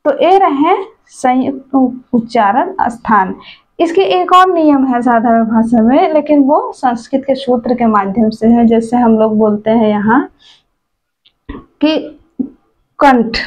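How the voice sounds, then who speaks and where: A woman's voice: on the high side, slow pace, darkish tone. A woman teaching a Hindi grammar lesson for exam preparation. She recites letters one at a time and asks questions that she answers herself. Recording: dull lo-fi recording.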